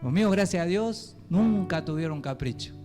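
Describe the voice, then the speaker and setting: A man with a Rioplatense accent preaching a sermon as pastor, animated and conversational, often asking the congregation questions. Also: high voice, moderate pace. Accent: Rioplatense Spanish. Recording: echoey hall with guitar music.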